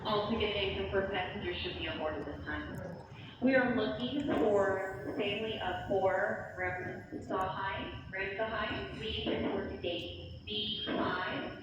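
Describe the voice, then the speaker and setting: A woman's voice: medium pitch, dull audio. Woman on an echoing airport intercom. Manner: brisk, formal and rehearsed. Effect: over an airport intercom loudspeaker. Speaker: airport gate announcer. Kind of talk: public boarding announcement. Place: large indoor airport terminal. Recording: echoey loudspeaker in a hall, heard from far off, noisy.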